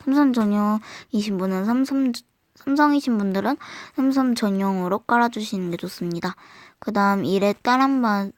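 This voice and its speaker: A woman giving an unscripted phone app tutorial in a halting way, restarting words, her voice run through a voice changer. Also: mid-range voice, no echo. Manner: halting, repeats word starts. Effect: voice altered by voice changer. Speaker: tutorial host. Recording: clear background noise with clicks.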